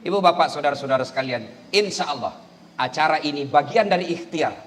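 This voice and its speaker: Man, Indonesian accent, humorous sermon, lively swooping pitch, loud highs and murmured prayers. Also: a little fast, a little hiss or hum. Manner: swings between loud high exclamations and low murmured prayers. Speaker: preacher.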